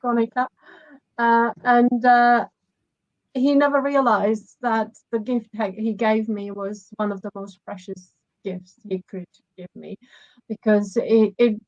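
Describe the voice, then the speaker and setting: A woman's voice: fairly high pitch, level tone, takes it slowly, no echo, highs cut off. A woman from the Republic, a guest photographer speaking in a reflective, hesitant way with many fillers. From Czech Republic. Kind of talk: casual interview.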